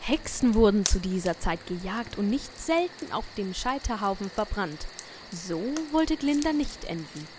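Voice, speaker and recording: A woman's voice: medium pitch, big pitch swings, a little slow, background noise. A woman narrating a children's story as a scripted audio tale. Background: faint music.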